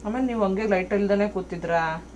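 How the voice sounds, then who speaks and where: Mother at home, mid-pitched voice, patient coaxing questions, faint background noise. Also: fairly quick, darkish tone. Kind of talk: casual home chat with her child.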